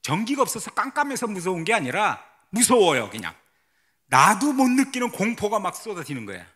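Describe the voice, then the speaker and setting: A man's voice: high voice, wildly swooping pitch, a little fast, bright, forceful tone. A man who is a missionary pastor, giving a testimony sermon at a church service, telling his story dramatically and asking the congregation questions. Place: church sanctuary.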